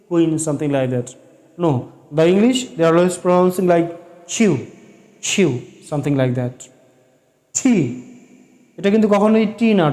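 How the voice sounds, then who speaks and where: Casting: high-pitched male tutor with a Bengali accent, patient, drills letters and sounds one at a time. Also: darkish tone. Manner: explains slowly, repeats sounds and letters for practice, mixes English phrases in. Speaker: English pronunciation tutor. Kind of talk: classroom-style lesson.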